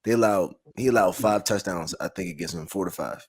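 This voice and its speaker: A man's voice: sits low, a little fast, husky. A man co-hosting a sports podcast, chatting casually in a blunt, slangy way. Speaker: podcast co-host. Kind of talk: casual sports commentary chat.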